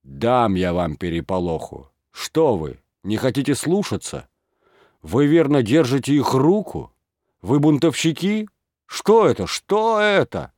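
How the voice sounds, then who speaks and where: A man voicing a pompous old village head who shouts orders in an audiobook reading. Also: fairly low pitch, big pitch swings, measured pace, no room sound, clean studio sound. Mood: raging. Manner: blustering, commanding, shouting orders.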